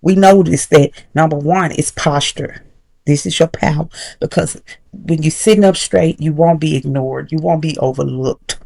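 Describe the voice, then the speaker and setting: A woman teaching confidence habits in a casual, encouraging way, slowing down to stress key points. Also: low-pitched, gravelly, warm tone. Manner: casual, encouraging, slows down for emphasis. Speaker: confidence coach. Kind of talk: motivational tutorial.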